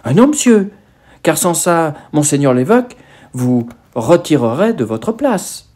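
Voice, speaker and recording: A man's voice: fairly high pitch, big pitch swings, measured pace, a little mellow, voice pushed up. A man voicing naive country boys answering catechism questions, hesitant and rustic in speech. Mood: earnest.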